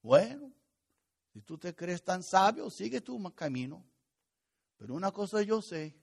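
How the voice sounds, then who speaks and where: A man preaching a sermon to a congregation, with sudden swings between loud urgency and quiet asides. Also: a little high. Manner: preaching with sudden rises and drops in loudness. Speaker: pastor.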